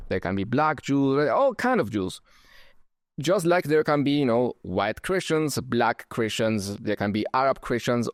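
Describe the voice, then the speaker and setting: Medium in pitch and recorded at studio quality without room sound, a channel host with a combined German and Spanish accent, from his German birth and Chilean upbringing, reads comments. His casual commentary is wry and conversational, broken by occasional chuckles.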